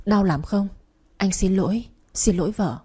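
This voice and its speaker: A woman's voice: medium pitch, moderate pace, warm tone, breathy edge, natural voice. A woman voicing a stern, protective young husband in a story reading. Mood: tender. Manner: stern, commanding.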